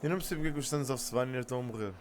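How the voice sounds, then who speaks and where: A man's voice: medium pitch, rapid-fire, over music. A man with a European Portuguese accent giving casual, slangy, sweary reaction commentary as a streamer, slipping in English. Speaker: streamer reacting to a game announcement.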